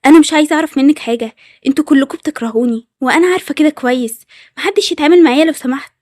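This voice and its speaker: A woman's voice: high voice, racing, a little mellow, no echo, clean studio sound, natural voice. A woman with an Egyptian accent voicing a touchy, suspicious schoolgirl who keeps accusing people. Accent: Egyptian Arabic. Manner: accusing, indignant. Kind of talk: storytelling over animated game scenes.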